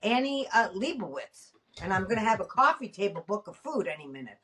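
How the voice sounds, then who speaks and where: Animated middle-aged woman, lively chat. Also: mid-range voice, brisk, distant mic. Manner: animated, self-mocking, acts out her own past thoughts. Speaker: nurse and podcast host. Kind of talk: casual chat.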